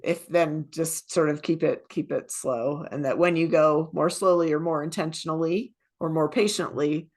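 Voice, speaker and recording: A woman co-hosts a podcast in a relaxed, thoughtful conversation. Her voice sits low for a woman. She guides the discussion with questions. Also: normal speed, few pauses. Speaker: podcast co-host. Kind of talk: casual podcast chat.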